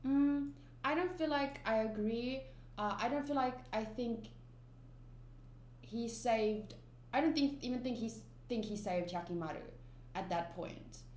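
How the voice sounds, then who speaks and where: Somewhat high but darkish in tone, this woman's voice moves a little slowly. She rambles emphatically, with frequent fillers and restarts, while delivering casual reaction commentary as an anime YouTuber whose first language is Afrikaans. Roomy echo and a faint hum color the audio.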